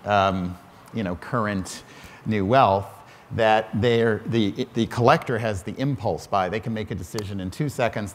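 Middle-aged male panelist, low-ish voice, reflective, restarts phrases; hall reverb, faint noise. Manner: thoughtful, restarts phrases often. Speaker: museum director on a panel. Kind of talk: panel discussion. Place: large hall on a stage before an audience.

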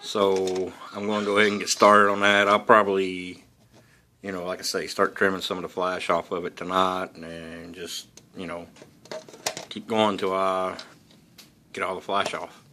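Low voiced guy, folksy hillbilly talk, kinda bright edge, casual hobby vlog. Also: level tone, moderate pace, slight background noise. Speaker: hobbyist host of model-building videos. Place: indoors at a hobby workbench.

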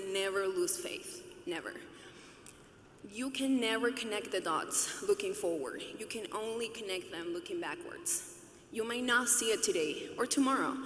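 A woman's voice: medium pitch, a bit bright. A young woman from Venezuela speaks at a podium in a big arena, earnest and chatty, with a touch of humor. Her voice carries a roomy echo and a long hall reverb, with a faint ambient hum underneath. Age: 20s. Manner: earnest, conversational, lightly humorous. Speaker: student commencement speaker. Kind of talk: graduation speech. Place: large arena stage, at a podium. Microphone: podium microphone.

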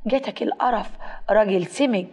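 A woman in Egyptian Arabic voicing a stern, quick-tempered young husband who talks in curt threats, in a storybook tale. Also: medium pitch, darkish tone, husky.

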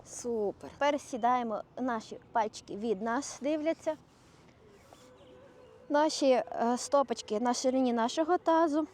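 Woman running a yoga class, calm breath cues, mellow voice, kinda high, faint outdoor noise behind. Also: normal speed. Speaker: yoga instructor.

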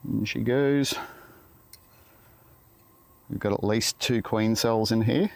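A man's voice: fairly low pitch, steady tone, slow pace, gravelly, a little mellow. A middle-aged Australian beekeeper talking casually to camera in an outdoor garden, muttering self-deprecating asides as he works. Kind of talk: casual hands-on talk to camera. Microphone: camera on tripod.

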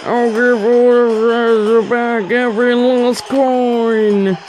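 A woman's voice: fairly high pitch, little pitch movement, a little mellow, faint music behind, voice pushed up. A woman voicing a cowardly, apologetic male genie from a video game, in a pleading manner. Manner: slow, pleading. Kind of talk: reading game dialogue in character.

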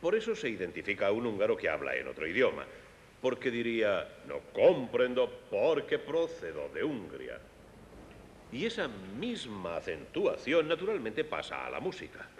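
Huge pitch swings mark this man's normal-speed delivery as he presents a children's concert lecture. He dubs it with a Castilian Spanish accent, teaching young listeners about music and addressing them directly. The hall is echoey, with long reverb and a faint rumble.

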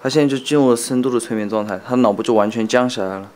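Fast-talking male live interpreter. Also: medium pitch, a little mellow, slight background noise.

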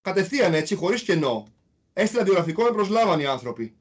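A man from Greece talks through his past in a relaxed interview, his voice pitched noticeably high. He tells it in an animated way, leaning on small repeated fillers. He comes across as a former player recounting his own road. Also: husky. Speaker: guest, former basketball player. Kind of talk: casual interview storytelling.

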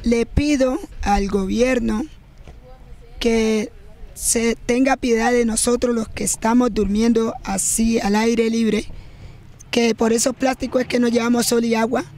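A woman's voice: fairly high pitch, fairly even intonation, a little slow, a little mellow. An older woman pleading in an outdoor interview, into a handheld mic. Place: outdoors by tarp shelters. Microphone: handheld reporter mic.

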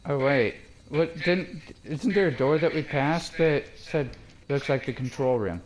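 A man's voice: a little high, unhurried, poor audio. A young man chatting casually as he plays a co-op video game with a friend. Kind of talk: casual co-op gameplay chat. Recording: faint game ambience behind.

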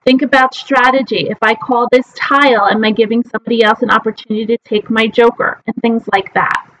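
Woman teaching a live webcam class from home, chatty, lots of ums, kinda high voice. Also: steady tone, brisk, a bit bright, rough recording. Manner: friendly, explanatory, with frequent ums. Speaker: mah jongg teacher. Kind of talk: live online lesson.

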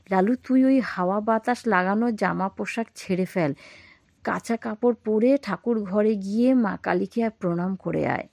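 A woman's voice: vocal fry, dry recording, studio quality. A woman voicing a fretful elderly mother in a spoken ghost story, crying out shrilly in alarm. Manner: wailing, distressed, shrill.

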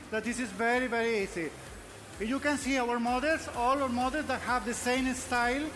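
A man's voice: very high voice, a little hiss or hum. A man with a Venezuelan Spanish accent, whose first language is Spanish, demonstrating hairstyling live on a trade show stage in simple, repetitive English. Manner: simple broken English, repeats "very easy". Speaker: hair stylist demonstrator. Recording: loud background music over PA.

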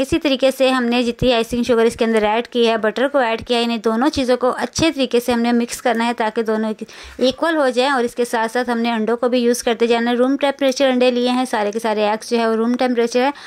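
A woman talks viewers through a home recipe in a voice-over. Her voice sits a little high and sounds smooth and clean. She explains each step patiently and repeats herself so nothing gets missed. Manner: patient, instructive, repeats steps. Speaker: cooking vlogger.

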